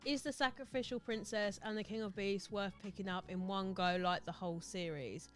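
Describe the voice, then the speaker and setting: A woman co-hosting a casual livestream, easygoing and often pausing to find her words. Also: medium pitch, fairly even intonation, soft background music. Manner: easygoing, searches for words, hums agreement. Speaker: livestream co-host. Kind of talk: casual chat.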